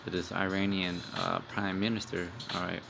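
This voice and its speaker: Over music and a noisy background, a young man preaches street-style in an informal religious video, his low voice flat and creaky at a normal speed. He swears bluntly, rambles, and keeps tagging lines with "man" and "all right."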